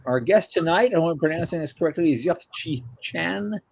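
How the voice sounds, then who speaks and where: A man's voice: on the high side, expressive, fairly quick, creaky, breathy edge, dry recording. A man hosting a podcast, talking in a casual, chatty way with informal asides. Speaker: podcast host. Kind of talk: casual interview chat.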